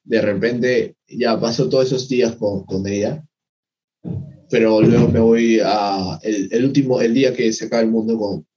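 A man's voice: lowish voice, fairly even intonation, moderate pace, warm tone, breathy edge. A young man co-hosting a podcast, chatting casually and rambling, often searching for his words and using slang. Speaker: podcast co-host. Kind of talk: casual chat. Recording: dull lo-fi sound.

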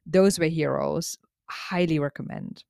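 A woman vlogger speaks in a slightly low voice, recorded dry with no room sound. She chats informally to her audience as in a casual monologue, stressing her points with slangy exaggeration. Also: unhurried, gravelly, mellow, dry recording. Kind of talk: casual chatty vlog monologue.

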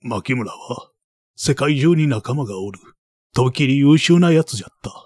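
A man voicing an old baron who is gentle and grieving and speaks in an old-fashioned way. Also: lively intonation, normal speed, no room sound, clean studio sound, close to an everyday voice. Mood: sorrowful. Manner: soft, low, old-fashioned phrasing.

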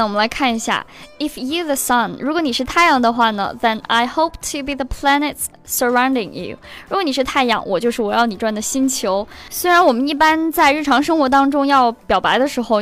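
A woman's voice: fairly high pitch, fairly bright tone. Woman teaching English through song lyrics. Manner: slows down to spell and repeat words.

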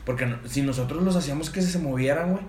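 A man's voice: fairly high pitch, fast, echoey room, slight background noise. A man telling a funny party story to friends, acting out the voices of people in it and using heavy slang. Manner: animated, acts out quoted voices, heavy slang. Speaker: podcast host. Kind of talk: casual storytelling among friends.

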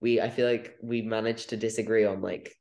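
A man's voice: lowish voice, flat delivery, brisk, a little mellow. Young male podcast co-host, casual and playful, reverberant room. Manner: chatty, many fillers, playful. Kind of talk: casual debate chat.

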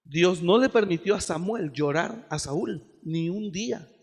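A man preaching a sermon as pastor, acting out quotes and rising to shouted peaks. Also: high-pitched, animated, a little slow, slightly rough. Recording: long hall reverb.

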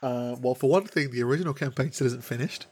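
A man's voice: medium pitch, fast talker, a little mellow, slightly rough, no room sound. A man co-hosting a podcast, talking casually about the world he runs his tabletop game in, rambling and jokey with lots of fillers. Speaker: podcast co-host and game master.

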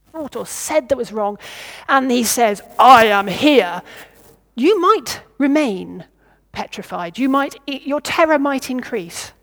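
Woman preaching a reflective sermon. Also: high-pitched. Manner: reflective, asks the listeners questions.

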